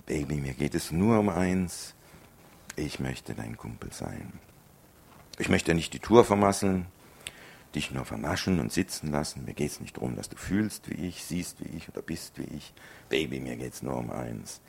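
A man's voice: rumbling low, lively intonation, moderate pace, slight background noise. A man performing rhymed songs and a spoken story with a rhythmic delivery. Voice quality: gravelly.

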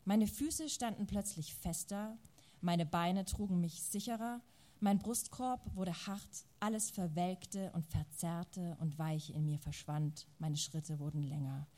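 A woman reading a novel excerpt aloud at a public reading, dramatic and building to loud, shouted passages. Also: on the low side, slow pace. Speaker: reader at a public literary reading.

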